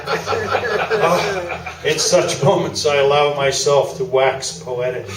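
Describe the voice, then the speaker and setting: In a fairly high, animated voice at a slow pace, a man plays a pompous, self-satisfied newspaper sports columnist in a live staged radio play, speaking in grandiloquent phrases. The character is boosteristic and staunchly loyal, and the mood is proud and grandiose. The indoor small-theatre-stage recording is a roomy, distant, noisy live theatre video.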